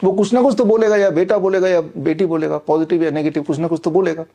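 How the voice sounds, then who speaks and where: A middle-aged man speaks in a somewhat high, mellow voice. He talks insistently and combatively, directly to the audience. Frequent "uh" fillers break up his claims. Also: steady tone, quick pace. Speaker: author promoting his books and a training program. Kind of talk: persuasive direct-to-camera monologue.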